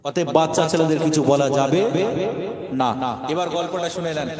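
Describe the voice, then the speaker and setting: A man's voice: fairly high pitch, fairly even intonation, brisk. A male Islamic preacher telling a humorous story in his sermon, often asking the crowd rhetorical questions. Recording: echoey hall with crowd noise.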